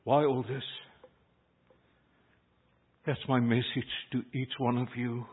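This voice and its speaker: This older man, an Afrikaans speaker using South African English, preaches slowly at a medium pitch with a level tone and a slightly rough quality. The sound is phone-quality, and his earnest, emphatic sermon lifts on its key phrases.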